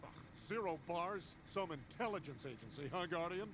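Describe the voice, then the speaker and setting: A man's voice: on the high side, expressive, normal speed, noisy background, lightly acted. A man voicing a brash, dim, cheerful cartoon suburban dad. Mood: breezy, self-satisfied.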